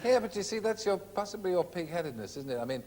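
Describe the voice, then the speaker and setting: A man's voice: high-pitched, sing-song, fast talker. A man hosting a TV talk show, asking his guests questions in a playful, teasing way. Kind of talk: TV interview. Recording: TV studio audio with long reverb and faint hiss.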